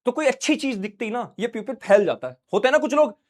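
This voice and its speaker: A man's voice: very high voice, animated, fast talker. A young man teaching a science class online, playful and joking, acting out little scenes for his students while feeling unwell.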